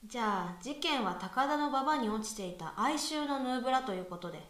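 A voice actress in an amateur radio drama plays a skeptical, exacting young university student who reasons things out and fires off dry retorts in conversation. Her voice is fairly high, fairly bright and fairly quick with lively intonation, recorded far from the mic in an echoey room.

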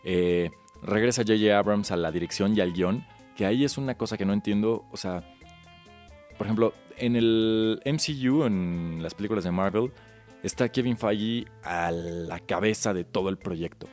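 A man's voice: on the low side, normal speed, a little mellow, faint music behind. A man with a Mexican accent co-hosting a podcast, chatting casually about films in a slangy, explanatory way. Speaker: podcast co-host.

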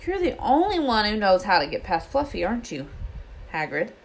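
Lady doing a young schoolboy in a storybook, polite, curious, bit anxious, questioning, lively pitch. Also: moderate pace, rough recording. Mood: anxious probing. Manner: earnest, questioning.

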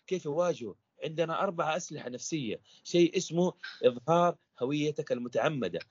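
A man's voice: fairly high pitch, breathy edge, dry recording, lo-fi sound. A man, a stuttering coach guesting on an interview podcast, explaining in a teacherly way with repeated rhetorical questions.

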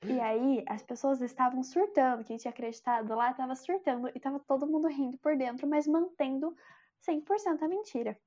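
Chatty Brazilian woman, high voice. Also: a little fast, darkish tone. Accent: Brazilian Portuguese. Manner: chatty, addresses listeners directly. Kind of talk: casual storytelling. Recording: slightly dull lo-fi sound.

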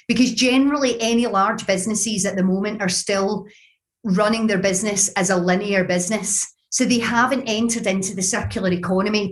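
A woman with a Glaswegian accent giving conversational interview answers, explaining her points with examples. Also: mid-range voice. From Scotland. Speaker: business founder, interview guest.

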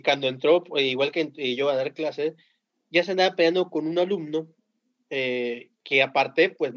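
A Mexican man, a teacher, telling animated anecdotes in slangy casual talk with a Mexican accent and frequent laughter. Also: fairly high pitch. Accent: Mexican Spanish. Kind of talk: casual podcast storytelling. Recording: dull lo-fi sound.

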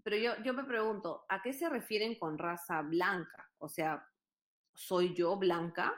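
Speaking a little slowly at a medium pitch, a woman from Peru tells stories in a casual chat with a Peruvian Spanish accent. She sounds earnest and hesitant, her speech full of fillers.

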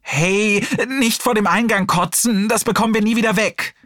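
A man's voice: a little fast, a bit bright, dry recording, studio quality. A man voicing a young, flustered male hospital nurse who sounds exasperated and whiny. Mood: alarmed. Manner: whiny, exasperated, higher-pitched.

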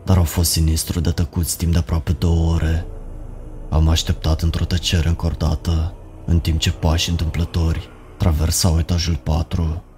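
A man narrating a horror story in a slow, even storytelling manner. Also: a bass voice, faint music behind.

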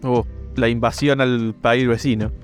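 A man's voice: medium pitch, little pitch movement, measured pace, soft background music. A man co-hosting a podcast, dropping dry joking asides. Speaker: podcast co-host. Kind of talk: casual chat.

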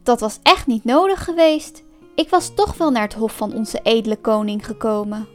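A cunning male fox from a storybook who sweet-talks with fake friendliness and quiet mockery, as a woman puts him on. His voice sits a little lower than the narrator's but is still bright and high. Faint music plays underneath. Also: normal speed, lightly acted. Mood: sly. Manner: sweet-talking, feigning friendliness, mocking. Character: sly cunning male fox, smooth and mocking.

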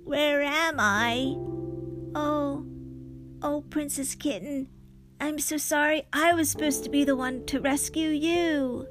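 A woman's voice: sits high, slow, pitched above the performer's own voice. A woman voicing a kind male magic bear who talks earnestly and reassuringly. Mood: apologetic. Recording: storytelling over clear background music.

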